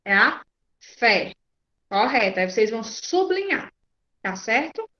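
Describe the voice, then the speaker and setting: High, bright-voiced woman teacher on a muffled call. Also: sing-song, unhurried, slight background noise. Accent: Brazilian Portuguese. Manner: patient, checks in with "tá certo?" often. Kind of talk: online class lesson. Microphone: video call. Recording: muffled lo-fi video call audio.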